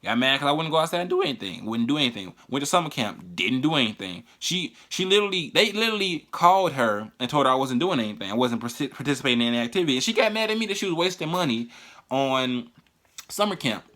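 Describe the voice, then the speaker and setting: Profane, halting man with a bright voice. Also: medium pitch, lively intonation. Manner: profane, halting, with frequent restarts. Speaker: vlogger. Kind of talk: casual personal storytelling.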